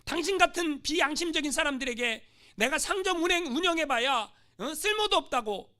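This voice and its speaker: A pastor acting out an indignant missionary. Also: male voice, high voice, big pitch swings, a little fast, sharp tone, exaggerated voice. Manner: exclaiming, pleading complaints. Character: indignant male missionary, easily angered.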